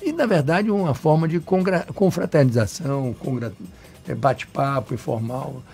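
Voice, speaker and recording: A creaky, slightly mellow mid-range voice at a moderate pace belongs to a Salvador urban planner with a Bahian Brazilian Portuguese accent, heard over slight background noise. In the interview he is talkative and emphatic, giving long answers full of digressions and restarts.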